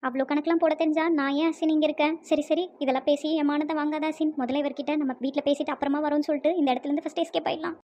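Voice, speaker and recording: A woman's voice: high voice, steady tone, very fast, few pauses, warm tone, natural voice. Woman doing a fretful, flustered cartoon housewife. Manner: exclaiming, fretful, scolding. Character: flustered thrifty housewife hunting for a flat.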